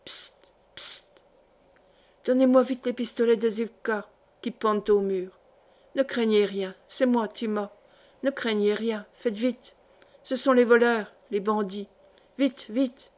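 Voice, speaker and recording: A woman whispering as a hurried young man. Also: on the high side, steady tone, natural voice. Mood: urgent whisper. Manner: hushed, hurried, urgent. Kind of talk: audiobook reading.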